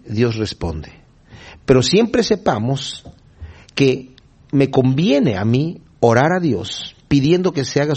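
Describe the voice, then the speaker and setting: A male preacher whose voice sits a bit high and swings widely up and down as he preaches. He reads scripture and then talks it through in a relaxed, chatty way, often turning to his listeners with a quick question. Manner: conversational, often asks the listeners "¿verdad?", chuckles while explaining. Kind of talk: sermon with Bible reading and commentary.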